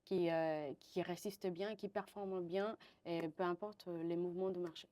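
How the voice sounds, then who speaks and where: A Venezuelan woman in her twenties, a partnership manager appearing as a guest, answers interview questions with lots of fillers and restarts. Her voice is on the low side and mellow, with a steady tone and normal speed.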